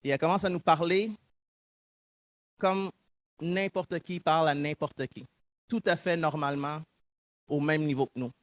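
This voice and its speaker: With a steady tone, a moderate pace, and long pauses, this slightly high-voiced man is recorded dry. He's a guest speaker in his thirties from Montreal, Quebec, whose Québécois French accent carries an earnest, reflective public talk on his own story, complete with acted-out remembered dialogue.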